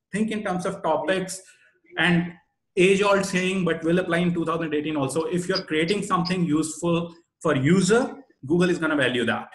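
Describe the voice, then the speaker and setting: An SEO expert with an Indian accent runs a webinar, speaking in a fairly high voice. He teaches in a didactic style and presses hard on his key points. The audio sounds noticeably roomy, with a lot of echo.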